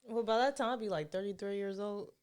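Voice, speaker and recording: Late-20s woman co-host with a smooth, clear voice, talkative and giggly. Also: mid-range voice, a little mellow. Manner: chatty and quick to laugh. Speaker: podcast co-host. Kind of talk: casual chat.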